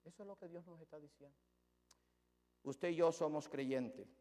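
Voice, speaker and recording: A male pastor preaching a sermon in a fairly high voice. He talks emphatically, swinging between loud stresses and hushed passages. Long reverb hangs on his words. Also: normal speed.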